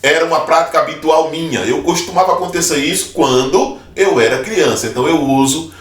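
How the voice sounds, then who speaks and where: Man, grammar teacher, slightly high voice, roomy echo, a bit away from the mic. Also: distant mic. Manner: explanatory, slows down to spell out forms. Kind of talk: grammar video lesson. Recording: echoey room, voice off-mic.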